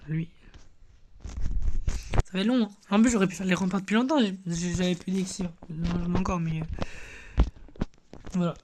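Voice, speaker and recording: A man's voice: high-pitched, steady tone, moderate pace, pauses often, background noise. A man hosting a casual gameplay video from his bedroom, rambling and self-deprecating, with lots of fillers. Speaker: gaming channel host. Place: bedroom at home.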